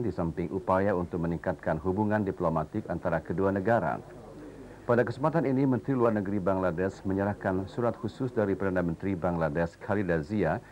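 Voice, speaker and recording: A man with an Indonesian accent reading formal scripted television news, with measured, formal enunciation, as an anchor. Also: sits low, darkish tone. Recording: noisy old TV broadcast recording.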